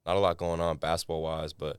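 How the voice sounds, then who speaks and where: A man's voice: low-pitched, quick pace, smooth, no echo, clean studio sound. A young man from New Hampshire, a former college basketball player, chatting casually as a guest and saying "like" a lot. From New Hampshire, USA. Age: young adult. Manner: relaxed, slangy, lots of "like". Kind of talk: casual podcast chat.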